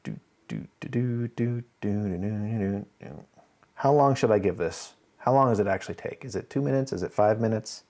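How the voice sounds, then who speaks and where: Chatting easily with viewers during a casual live stream, a man thinks aloud as he works. His lowish voice is animated and darkish in tone, delivered at normal speed.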